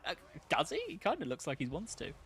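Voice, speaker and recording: A man's voice: a little high, huge pitch swings, quick pace, a bit bright. A man streaming a strategy game, chatting casually and telling stories between battles. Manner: chatty, joking, tells stories.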